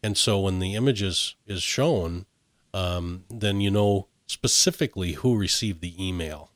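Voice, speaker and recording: A man chats through tech news as a podcast host, full of fillers and restarts. His voice sits very low. The sound is dry and close. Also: unhurried, no echo. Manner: chatty, many fillers and restarts. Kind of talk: casual tech chat.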